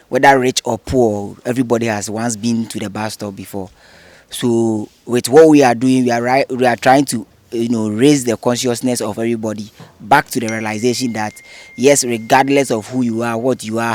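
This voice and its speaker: A man's voice: mid-range voice, no room sound. A man, a guest in an interview, explaining things earnestly and at length. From Ghana. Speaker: interview guest, head of a cleanup group. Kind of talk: casual interview.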